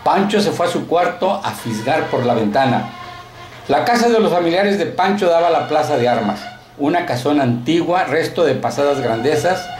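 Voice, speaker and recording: A man reading a short story aloud in a steady, colloquial narrating manner, recorded in an echoey room. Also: fairly high pitch.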